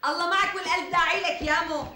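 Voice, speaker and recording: A mocking Damascene gossip. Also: female voice, very high-pitched, steady tone, pushed and bright, roomy sound, slight background noise. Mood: scornful. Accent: Damascene Arabic. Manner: taunting, quick, biting. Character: sharp-tongued gossiping woman, provocative and mocking. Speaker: hostess of a women's gathering. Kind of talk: TV drama acting.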